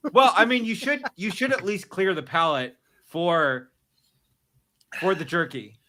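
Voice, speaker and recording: A male talk show host chats casually, asking his guest easy questions and often chuckling along. His voice is bright and clear and sits a little higher than most men's. The delivery is loose and friendly. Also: takes it slowly. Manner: affable, laughs often, asks questions. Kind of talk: casual chat.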